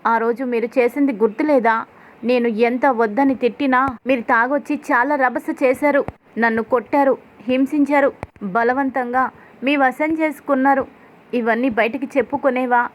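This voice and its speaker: A young wife pleading with her husband in a plaintive voice, as a woman storyteller voices her. Her pitch is slightly high. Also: steady tone, moderate pace, lightly acted, poor audio.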